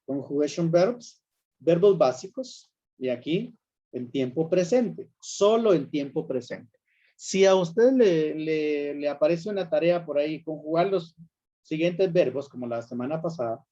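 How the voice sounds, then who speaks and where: A man's voice: medium pitch, mellow, dull audio. A man teaching a class, patiently explaining grammar and repeating examples while checking that students follow. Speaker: English teacher.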